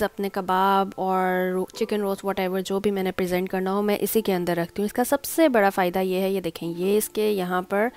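Speaking in a slightly mellow, medium-pitched voice, a woman casually demonstrates setting a table at home. As a home cooking channel host, she chats step by step and mixes in English words.

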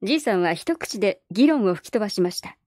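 A woman narrating a classic novel aloud in a calm, measured storybook reading. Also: mid-range voice, no echo, clean studio sound.

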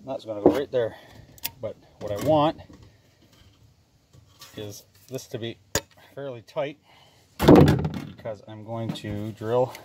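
A low-voiced man who speaks slowly with long pauses hosts a hands-on DIY repair vlog. Folksy and casual with his viewers, he makes wry jokes and mutters asides to himself, while loud clattering and clicking from the work fills the recording.

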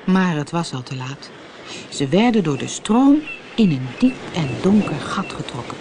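Lady reading a kids' story, lowish voice, swings all over. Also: a little slow, background noise. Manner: lively, expressive reading. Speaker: storybook narrator.

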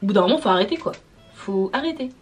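A woman's voice: medium pitch, animated, fast, breathy edge, faint music behind. A young woman vlogging a storytime, exasperated and slangy, swearing as she vents. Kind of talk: casual storytime monologue.

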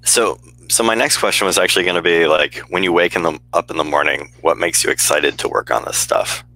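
A man's voice: sits low, fairly quick, bright, forceful tone, a little hiss or hum, poor audio. A man from the United States moderating a panel over a video call, talking loosely with jokes and plenty of fillers. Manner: loose, joking, lots of fillers. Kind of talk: casual panel chat. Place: home room on video call. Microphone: headset.

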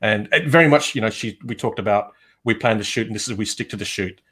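Low-voiced man telling shoot stories. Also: fast, slightly rough. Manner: relaxed storytelling with fillers. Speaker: photographer guest. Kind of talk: casual chat on a livestream.

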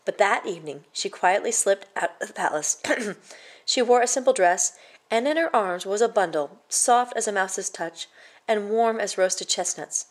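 In a mid-range voice, a female storyteller reads a children's picture book aloud with measured expression.

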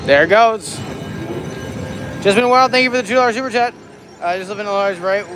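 A man's voice: high voice, a little fast. A man live-streaming slot play with casual, profane, teasing banter. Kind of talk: casual live-stream chat while gambling. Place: busy casino floor. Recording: loud casino music and machine din.

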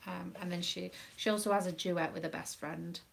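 A woman's voice: on the low side, steady tone, normal speed, vocal fry, a little hiss or hum. A British woman, a proud mother, chatting casually on a live stream with a rambling, um-filled manner. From United Kingdom. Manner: chatty, rambling, with many ums. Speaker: craft live-streamer and dance mum.

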